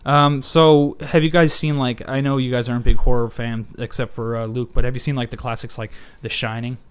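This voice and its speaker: A man's voice: mid-range voice, little pitch movement, brisk, clear, resonant tone. A young man in casual movie chat, chatty and agreeable, backing up his friends. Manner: agreeable, chatty, laughs along.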